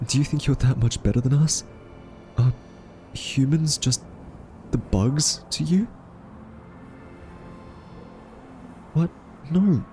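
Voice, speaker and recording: In a roleplay audio drama, a man voices an earnest, quirky scientist held captive, a thoughtful type who is soft-spoken, hesitant and argumentative. His voice sits in the mid range, and he sounds exasperated and questioning.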